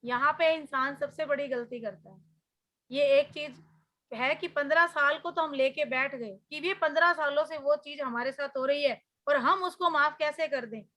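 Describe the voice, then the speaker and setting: A woman's voice: sits high, moderate pace. A middle-aged woman teaching a healing class, telling stories in an earnest, conversational way. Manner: storytelling, earnest and conversational, often drops soft. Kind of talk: spoken healing class talk.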